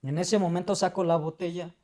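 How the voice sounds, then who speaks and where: A young Mexican man with a notably high voice tells his own story in casual, slang-filled speech. He talks with feeling, tacking a filler word onto almost every phrase. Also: steady tone, brisk, warm tone. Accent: Mexican Spanish. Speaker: guest.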